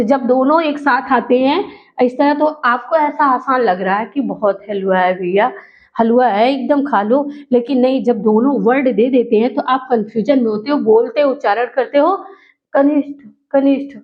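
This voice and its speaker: A woman teacher with a high voice walks her students through spelling and pronunciation. She says each word again and again, slowly and deliberately. The recording sounds dull and lo-fi. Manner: repeats words slowly to drill pronunciation. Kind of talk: spoken grammar lesson.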